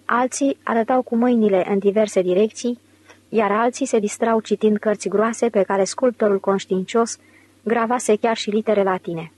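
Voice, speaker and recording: A woman narrating an audiobook in a measured, clear reading voice. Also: medium pitch, steady tone, darkish tone. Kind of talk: scripted narration.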